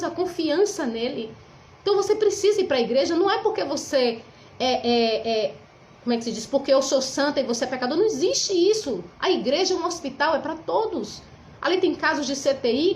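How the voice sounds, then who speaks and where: High-voiced Brazilian woman giving testimony. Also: slight background noise, rough recording. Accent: Brazilian Portuguese. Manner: emotional storytelling, quoting others. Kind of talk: religious testimony.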